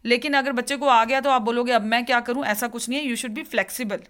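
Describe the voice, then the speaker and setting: A woman teacher educator giving a lecture on lesson planning, explaining step by step in a mix of Hindi and English with frequent pauses. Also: on the high side, fairly even intonation, a bit bright. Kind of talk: classroom lecture.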